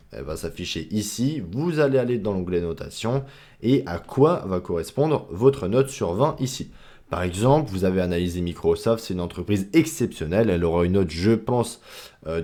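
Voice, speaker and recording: A man's voice: on the low side, lively intonation, normal speed, warm tone. A man giving a casual lesson on analysing stocks, chatty, full of fillers and slang. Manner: chatty, many fillers like "bah" and "hein", informal slang. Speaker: stock investing educator.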